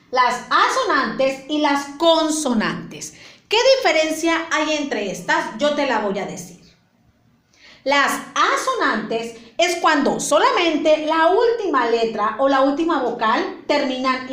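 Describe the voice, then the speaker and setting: A woman's voice: high voice, fairly bright tone, reverberant. A woman with a Mexican accent teaching children a lesson, patient and explaining step by step. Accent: Mexican Spanish. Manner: patient, explains step by step, repeats points with diminutives.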